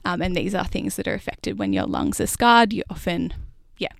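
Young woman explaining, creaky voice. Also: on the low side, very animated, moderate pace, dry recording, clean studio sound. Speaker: PhD researcher, interview guest. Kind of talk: explanatory interview talk.

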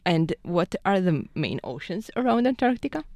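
A woman hosting a radio science show, presenting scripted lines in a bright, curious manner. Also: on the low side, sing-song, moderate pace, dry recording.

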